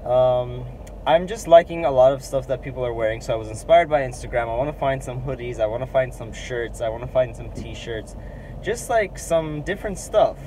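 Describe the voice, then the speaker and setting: The audio is poor, with a little hiss or hum, as a young man with a warm, medium-pitched voice talks at a normal speed. He's a vlogger filming at arm's length, first in a parked car and then in a small store fitting room, rambling loosely and slangily with frequent "like."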